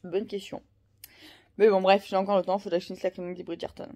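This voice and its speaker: A woman's voice: mid-range voice, little pitch movement, quick pace, a little mellow. Rambling French-speaking woman vlogger. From France. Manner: rambling, many fillers and restarts. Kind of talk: casual vlog chat.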